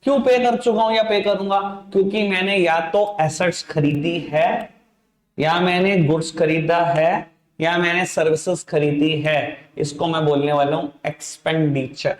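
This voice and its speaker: Playful high-voiced male accounting teacher. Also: steady tone, moderate pace, roomy sound. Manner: playful, teasing, talks straight to students. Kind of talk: online class lecture.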